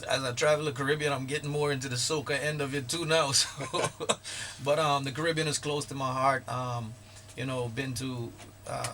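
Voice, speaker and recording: A man from Guyana, a guest artist talking casually in a radio interview, laid-back and quick to laugh. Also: medium pitch, fairly bright tone, a little hiss or hum. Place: radio studio.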